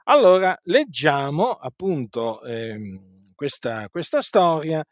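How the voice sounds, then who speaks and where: Man, preacher, emphatic, rhetorical questions, animated pitch, dry recording. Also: slow, no echo. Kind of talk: bible teaching sermon.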